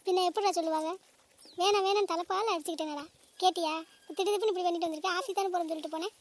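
A woman voicing a nagging cartoon mother, very high. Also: steady tone, rapid-fire. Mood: wailing. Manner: nagging, melodramatic. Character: scolding, wailing middle-aged mother. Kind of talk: cartoon family drama voice acting.

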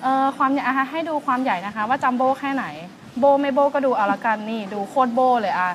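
A young woman hosting a food vlog, chatty and excitable, walking through seafood dishes at a seaside restaurant. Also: sits high, fast, a little hiss or hum, low-quality recording. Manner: chatty and excitable, lots of fillers and exclamations. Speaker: food and travel vlog host. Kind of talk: casual food review walkthrough.

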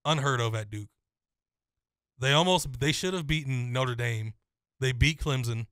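A man's voice: mid-range voice, measured pace, no room sound, clean studio sound. Man breaking down college football. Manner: confident, detailed analysis with steady flow. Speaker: co-host. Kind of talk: casual sports chat.

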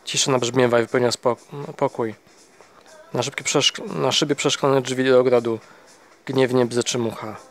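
A man reading a novel aloud in the first person, steady but with small slips and restarts. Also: medium pitch, moderate pace. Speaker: audiobook narrator.

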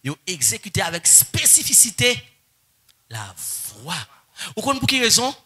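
A man preaching a sermon, moving between soft coaxing asides and shouted, sung-out exclamations. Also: high voice, huge pitch swings, measured pace, husky. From Haiti. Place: church or conference hall.

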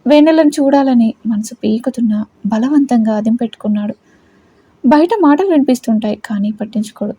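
A woman narrating a dramatic family story in a steady storytelling way. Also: fairly high pitch, a little fast, husky.

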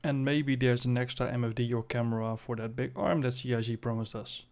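Casting: male video host, casual game walkthrough, mid pitch, gravelly fry, halting delivery that thinks aloud. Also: steady tone, darkish tone. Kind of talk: casual game showcase commentary.

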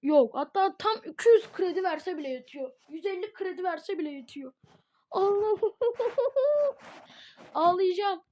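Excitable high-voiced woman gaming host. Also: moderate pace, no room sound. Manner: chatty, keeps addressing viewers, gets excitable and dramatic. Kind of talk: casual gameplay commentary. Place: at home.

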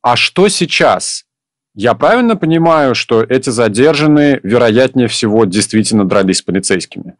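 A male news host asking measured, probing questions of a reporter. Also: medium pitch, lively intonation, no echo, clean studio sound.

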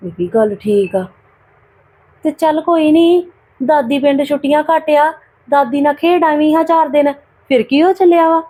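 A woman playing a sickly, put-upon young aunt who talks softly and wearily to a child in an amateur family drama. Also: sits high, moderate pace, natural voice. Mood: weary.

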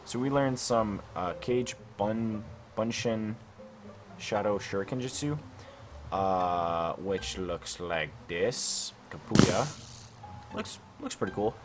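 Recorded on a desk mic with noisy surroundings, this gaming YouTuber has a lowish voice. Late at night at home, the young man rambles through casual let's-play commentary on his session, thinking aloud, second-guessing himself, and filling gaps with "like" and "I don't know."

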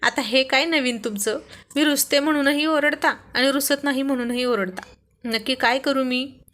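A woman's voice: high-pitched, moderate pace, fairly bright tone. A woman voicing a young wife who scolds her husband with exasperated affection in a read-aloud story.

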